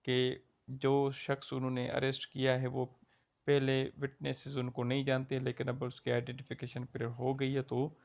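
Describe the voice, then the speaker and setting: A young male law lecturer with a Pakistani Urdu accent explains a legal point in a casual, conversational lesson, often checking in with listeners using "theek hai." His mid-range voice is monotone and a little mellow, with vocal fry, at a normal speed.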